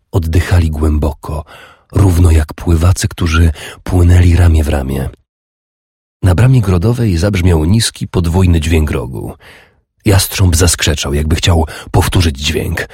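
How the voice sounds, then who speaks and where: A man reading a historical romance audiobook in a slow, measured and sensual way. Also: sits low, dark tone, slightly rough, no echo, clean studio sound. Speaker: audiobook narrator. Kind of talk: scripted narration.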